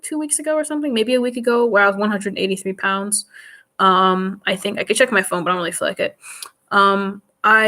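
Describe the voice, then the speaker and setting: A woman's voice: medium pitch, a bit bright. Chatty, giggly young woman vlogger. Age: young adult. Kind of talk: casual chat to viewers. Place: home. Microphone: computer mic up close.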